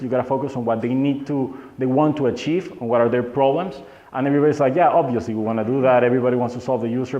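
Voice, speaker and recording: A man's voice: medium pitch, darkish tone. A young man from Venezuela, giving a live workshop lecture in loose English and quizzing his audience. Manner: loose, non-native phrasing, asks the audience questions. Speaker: workshop speaker. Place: meetup hall. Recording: roomy, muffled hall recording.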